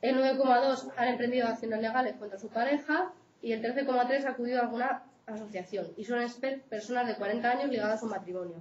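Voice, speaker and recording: A woman's voice: a little high, fast talker, darkish tone. A woman psychologist from Spain giving an informal lecture in a conversational way, checking in with her audience. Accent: Spain Spanish. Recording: roomy, dull lecture recording.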